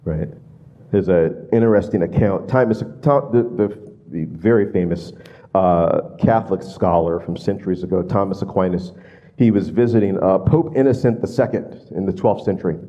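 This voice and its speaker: A man preaching a sermon as pastor, in an animated manner, often adding "right?" to his points. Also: low-pitched, moderate pace, highs cut off.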